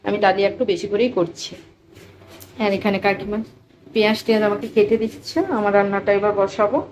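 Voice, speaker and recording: A woman's voice: medium pitch, fairly quick, darkish tone, a little hiss or hum. A woman in her thirties, a mother, chatting casually to camera at home, cooking and talking about her family in an easy, doting way. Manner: chatty, doting baby talk with her child. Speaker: vlogger and mother. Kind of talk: casual home vlog narration. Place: home kitchen.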